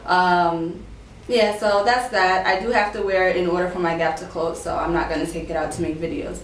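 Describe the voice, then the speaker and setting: A woman's voice: on the low side, fairly even intonation, quick pace. Young woman chatting casually, distant echoey sound. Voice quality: speech slightly affected by a dental retainer. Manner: conversational storytelling, acting out quoted exchanges. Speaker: vlogger sharing personal experience. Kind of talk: casual chat to camera. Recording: roomy echo, distant mic, faint noise.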